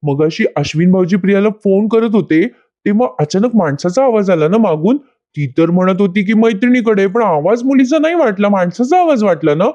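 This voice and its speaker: A man's voice: high-pitched, expressive, brisk, warm tone, highs cut off, pitched above the performer's own voice. A man doing a curious young wife.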